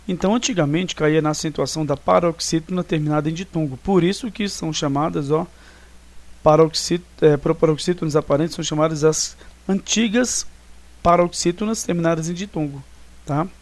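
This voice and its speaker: A man's voice: on the high side, a little mellow. Brazilian man teaching a grammar lesson. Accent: Brazilian Portuguese. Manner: explanatory, frequent "né" and "tá" checks. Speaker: Portuguese teacher. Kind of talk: recorded online grammar lesson.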